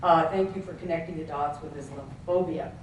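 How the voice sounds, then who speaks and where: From the audience in a conference hall, a professor earnestly makes a point to a panel, rambling with many asides. The mid-range voice is fairly quick, and the recording is very echoey, distant and has background noise.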